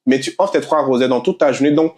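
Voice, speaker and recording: A young man from Côte d'Ivoire tells his faith story in a relaxed conversation. He laughs often and repeats words as he goes. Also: mid-range voice, quick pace. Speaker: guest sharing a faith testimony. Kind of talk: casual faith testimony conversation.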